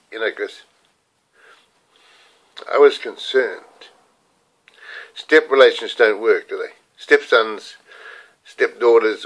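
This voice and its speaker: Speaking to camera in a room at home, a man in his seventies with a New Zealand accent rambles candidly through a personal video diary and swears casually. His voice sits on the low side, and the recording is rough.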